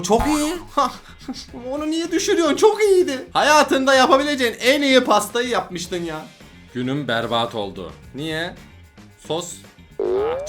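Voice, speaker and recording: A man's voice: sits high, a bit bright. A young man giving casual reaction commentary to videos, with exasperated, laughing complaints.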